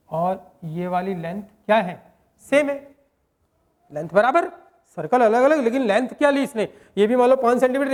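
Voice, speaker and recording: A man teaches a maths lesson in a fairly high voice. He keeps asking his students rhetorical questions. He reads the English question text slowly, word by word.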